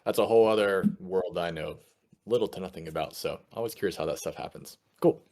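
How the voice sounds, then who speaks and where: A man in his thirties co-hosts a podcast in a fairly low voice. He is chatty and lays things out in plain, friendly terms. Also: brisk, a little mellow. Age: 30s. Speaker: podcast co-host. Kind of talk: casual podcast chat.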